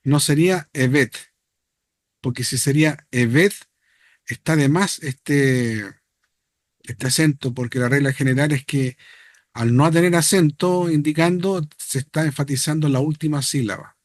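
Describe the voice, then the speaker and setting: A man's voice: fairly high pitch, normal speed, dry recording, studio quality. A man teaching a Hebrew class, explaining step by step and checking that students follow.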